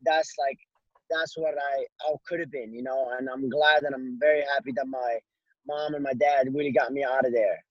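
A young man from Morocco, a fighter, talking loosely and haltingly in a casual interview, with lots of "like"s. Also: medium pitch, steady tone, dry recording, lo-fi sound. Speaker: guest fighter.

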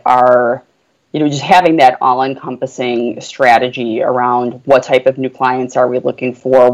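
A woman's voice: very deep voice, darkish tone, low-quality recording. A woman speaking as a podcast guest about her work, earnest and enthusiastic, with frequent fillers. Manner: earnest, enthusiastic, many "you know" fillers. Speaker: guest, portfolio manager. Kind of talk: business podcast conversation.

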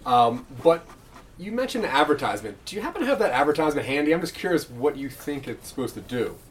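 A man's voice: fairly high pitch, very animated, fast. A man playing an officious customer service agent with weary, exasperated politeness on a comedy phone call. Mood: strained patience. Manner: formal, hesitant, exasperated politeness. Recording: faint background noise and ambience.

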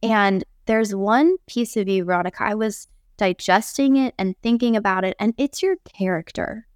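A woman hosts an interview and introduces her guest in a measured, admiring way. Her voice is clear and smooth at a middle pitch. The recording is dry and close. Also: no room sound. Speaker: interview host.

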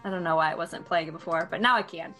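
A woman's voice: fairly low pitch, fast talker, sharp tone, faint music behind. A woman chatting casually as a player in a tabletop roleplaying game.

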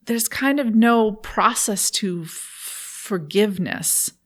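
A woman's voice: mid-range voice, expressive, slow pace, fairly bright tone. A woman guest speaking thoughtfully in an interview, laughing often while she tells a personal story.

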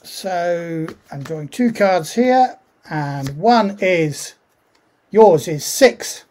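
A man running a tabletop roleplaying game as game master, speaking in a hesitant, halting way. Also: high voice, lively intonation, darkish tone.

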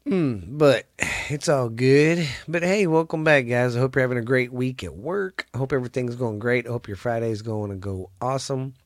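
Speaking at medium pitch and a moderate pace, a Texan-accented man hosts his own podcast, chatting solo in a relaxed, wandering style. He swears freely and sounds stuffed up and congested, and the studio-quality recording has no room sound.

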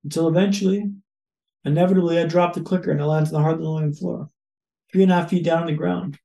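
A man with a fairly high, gravelly yet mellow voice talks quickly with fairly even intonation. As a podcast guest in an interview, he tells a personal story using vivid, repetitive phrases and punchy lists. The recording is reverberant and lo-fi.

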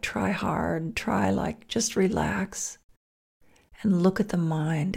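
Slow, gravelly-voiced woman meditation teacher. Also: mid-range voice. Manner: slow and soft, often dropping into a breathy whisper. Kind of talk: guided meditation talk.

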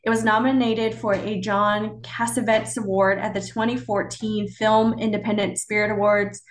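Woman podcast co-host, mid-pitched, casual and conversational, recorded in an echoey room. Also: flat delivery, normal speed, a little hiss or hum. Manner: conversational, with restarts and fillers.

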